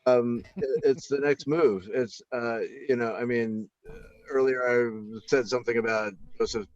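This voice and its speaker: A man in rambling deadpan comedic banter, halting and full of fillers and restarts. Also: medium pitch, no room sound, highs cut off. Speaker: panelist.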